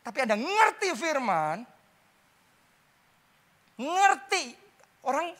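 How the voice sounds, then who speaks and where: Pastor preaching a sermon, really lively up-and-down voice, repeats lines for emphasis, goes soft then loud. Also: mid-range voice. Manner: drops short English phrases into the preaching.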